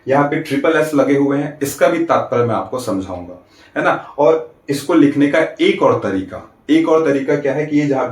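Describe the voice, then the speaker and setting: A man's voice: on the high side, darkish tone, distant mic. A male teacher giving an exam-prep grammar lesson, explaining step by step with rhetorical check-ins and drawing out vowels to demonstrate. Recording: roomy, from off the mic.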